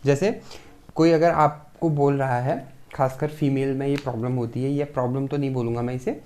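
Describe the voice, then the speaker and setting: A man's voice: medium pitch, steady tone, moderate pace, a little mellow. A man giving a pharmacy lecture. He explains each point with rhetorical questions, checks in often with "okay", and mixes English technical terms into his speech.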